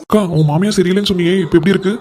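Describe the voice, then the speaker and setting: A man voicing a cheeky, flirty younger brother in a cartoon, talking in a rapid, breezy, teasing way. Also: sits high, steady tone, darkish tone, slight background noise, lightly acted. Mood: chatty. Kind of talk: animated cartoon voice acting.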